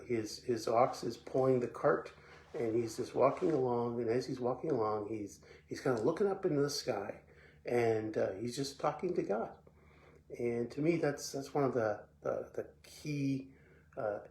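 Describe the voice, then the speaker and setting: A man from Belgium giving a short, relaxed devotional talk as a pastor, often repeating words and pausing with fillers. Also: medium pitch. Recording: echoey room with faint background noise.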